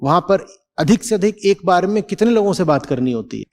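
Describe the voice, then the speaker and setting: A man's voice: sits high, animated, fairly quick. A middle-aged man answering questions in a live hall session, blunt and teasing with rhetorical questions. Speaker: spiritual teacher answering questions. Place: large hall at a festival.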